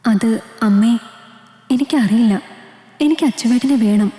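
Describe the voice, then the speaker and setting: A woman's voice: fairly high pitch, unhurried, warm tone, natural voice. Woman playing an affectionate young heroine, long reverb. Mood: earnest. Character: devoted young woman in love.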